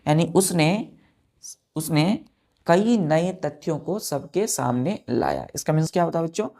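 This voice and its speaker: Lady teacher going over vocab, dark mellow voice, slow, spells words out, asks then answers herself. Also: deep voice, animated, vocal fry. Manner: asks the class questions and answers them herself. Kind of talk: classroom vocabulary lesson.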